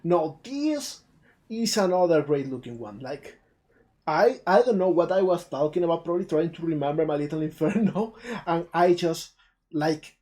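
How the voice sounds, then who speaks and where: This live-stream host offers relaxed, talkative reactions to game trailers in a warm, expressive mid-range voice at normal speed. A native Spanish speaker, they have an Andalusian accent from the south of Spain, and music plays in the background.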